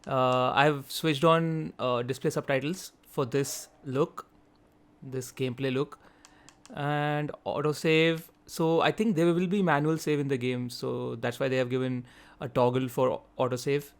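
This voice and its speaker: A man hosting a gaming video, giving quick, chatty gameplay commentary and thinking aloud as he goes through the settings. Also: mid-range voice, fairly even intonation. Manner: quick talker.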